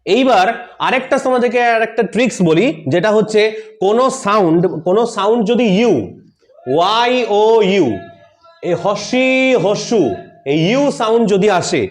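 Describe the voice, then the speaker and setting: A man with a high, brisk voice teaches English grammar in style in a classroom-style lesson. He asks questions and answers them himself, repeats key points, and keeps checking with "Am I clear? Yes or no?"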